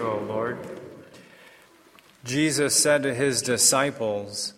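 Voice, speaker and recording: A priest with a bright, clear voice of middling pitch reads the gospel and then preaches, measured and unhurried. His words ring out in a large church and trail off in a long, cathedral-like echo. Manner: measured and unhurried, with a few fillers and restarts in the homily. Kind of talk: gospel reading and homily.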